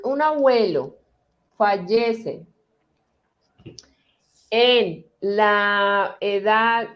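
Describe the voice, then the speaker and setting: A middle-aged woman therapist speaking slowly and calmly, guiding listeners through a reassuring talk that answers their questions. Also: medium pitch. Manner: calm, slow, reassuring guidance with pauses. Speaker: transgenerational therapist.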